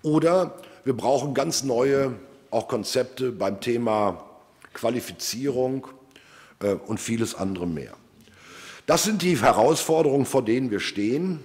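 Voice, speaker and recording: A man in his fifties delivers a formal keynote into a lectern microphone, his voice at a medium pitch. He speaks in a measured, emphatic way and poses rhetorical questions to the audience. The sound carries a long reverb from a large wood-panelled hall. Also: lively intonation, darkish tone. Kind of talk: formal political keynote speech.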